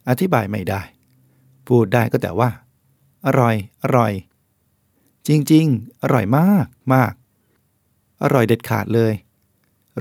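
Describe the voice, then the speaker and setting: A male monk reads a reflective essay aloud, explaining each point plainly and turning to the listeners now and then. His voice sits at an ordinary middle pitch, and the recording is close and dry. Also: darkish tone, no room sound. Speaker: Buddhist monk reading a book aloud. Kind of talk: audiobook reading of an essay.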